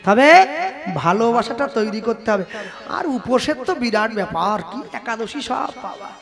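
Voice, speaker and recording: A man giving a devotional kirtan sermon, telling stories in an animated way and breaking into sung chants. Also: high voice, moderate pace. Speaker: kirtan singer and preacher. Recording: music playing under the voice.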